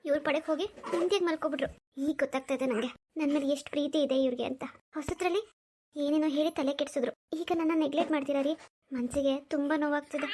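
A woman's voice: high voice, steady tone, fast, darkish tone, lightly acted. A woman voicing a young cartoon wife who feels hurt and resentful toward her husband, with sulky, wounded complaints. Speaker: cartoon character. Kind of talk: animated drama voice acting.

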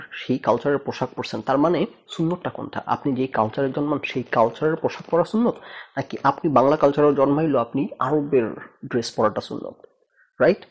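A man from Bangladesh talks through his ideas on his own casual show, asking rhetorical questions and dropping English phrases into his sentences. His voice is gravelly, with a husky edge, and sits at a middling pitch. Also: a little mellow. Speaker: host. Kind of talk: casual talk-show monologue.

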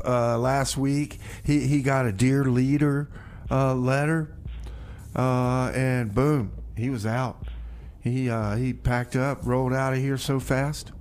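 Speaking from a radio studio, a male DJ on a community music show rambles, stammers and circles back over the same points. His voice sits at medium pitch, and there's slight background noise.

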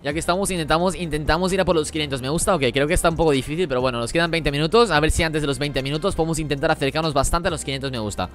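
A man, his voice sitting a little high, rattles through a live game stream. He answers chat messages in a quick, tumbling flow. Faint game music plays underneath. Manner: rapid-fire talk while reading chat. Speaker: gaming streamer.

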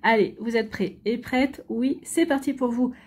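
A woman's voice: fairly high pitch, unhurried, darkish tone, husky. A woman giving a chatty weekly tarot reading for star signs, full of fillers, restarts and repeated phrases. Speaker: tarot reader. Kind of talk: weekly astrology card reading.

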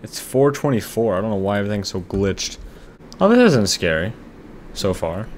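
A young man at home casually commentating a horror game, excitable and jumpy, with lots of slang. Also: on the low side, moderate pace, a little hiss or hum. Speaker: gamer. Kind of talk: let's-play commentary.

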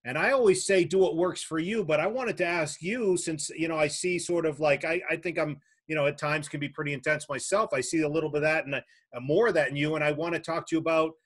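A man's voice: on the high side, fast talker. A man hosting a casual chat, talking in loose, rambling sentences with frequent restarts and some swearing. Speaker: host.

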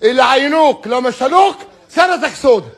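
Furious guy yelling threats on a phone call, really high voice, talks fast, keeps repeating himself. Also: animated. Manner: shouting, threatening, repetitive. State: enraged. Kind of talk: heated argument over the phone. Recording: leaked recorded phone call.

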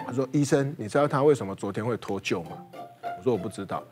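A man who is an emergency doctor on a TV studio panel, telling a patient story in casual chat. He tells it briskly and chuckles through the punchlines. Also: medium pitch, over music.

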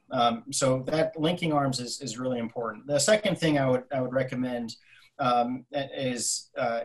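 A man's voice: medium pitch, rough recording. A man in his forties giving a conference keynote over a video call from his home office, thoughtful, with many fillers and restarts. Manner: gestures with his hands while talking. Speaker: keynote speaker. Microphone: laptop webcam on a video call.

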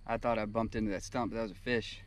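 A young man filming himself while fishing from a kayak on a pond, chatting casually, talking to the fish and whooping with excitement when one bites. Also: lowish voice, fast. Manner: laid-back, folksy, talks to the fish. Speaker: angler filming his own fishing trip. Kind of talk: casual outdoor commentary. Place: outdoors on a pond, standing in a kayak. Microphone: action camera on the boat. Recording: distant camera mic with wind and water noise.

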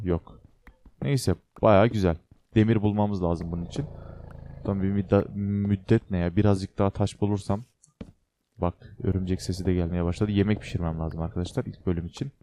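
A young man with a low, mellow voice chats his way through a building game, joking with viewers and grumbling at creatures on screen. A faint hiss and some clicking sit under his casual commentary. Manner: chatty, talks to viewers and the game, jokey exclamations. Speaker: gaming channel host. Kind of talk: casual Minecraft let's play commentary.

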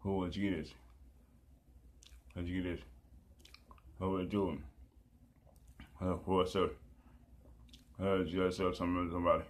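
A man preaching and praying in a rambling, halting way, repeating pleas over and over with many fillers. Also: low-pitched, level tone.

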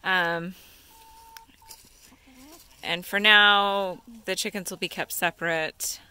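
A woman's voice: lowish voice, steady tone, slow pace, pushed and bright, smooth. A woman giving casual, easygoing vlog narration outdoors on a farm. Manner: easygoing, with fillers. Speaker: vlogger.

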